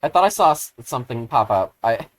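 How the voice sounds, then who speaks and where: A streamer talks through a co-op game in loose, rambling chatter, full of fillers and restarts. They often poke fun at their own fumbling and burst into loud, excited exclamations. The voice sits at an ordinary middle pitch. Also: a little fast. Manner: rambling, filler-heavy, self-deprecating. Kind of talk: casual live-stream gaming chatter.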